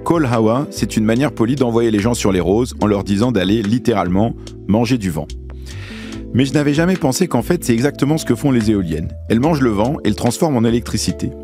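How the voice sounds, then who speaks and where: A man from Lebanon hosting a podcast, giving a measured scripted introduction before interviewing his guest. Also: medium pitch, animated, warm tone, soft background music. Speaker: podcast host.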